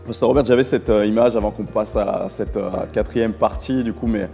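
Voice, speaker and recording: A man co-hosting a ministry broadcast, praying and talking softly and haltingly with frequent fillers. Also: on the low side, steady tone, creaky. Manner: soft affirmations, halting with fillers. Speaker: ministry co-host. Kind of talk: prayer and conversation. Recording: long hall reverb. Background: faint music.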